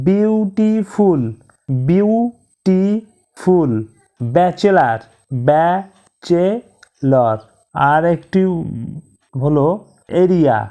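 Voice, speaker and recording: Slow, mellow-voiced woman teaching grammar. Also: lowish voice. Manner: slow and deliberate, drawing out example words syllable by syllable. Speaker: English teacher. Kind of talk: explanatory grammar lesson.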